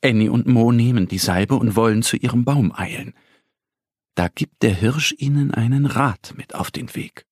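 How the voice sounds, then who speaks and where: A man narrating a children's story in a slow, expressive storytelling manner, recorded close in a studio. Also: medium pitch, no room sound.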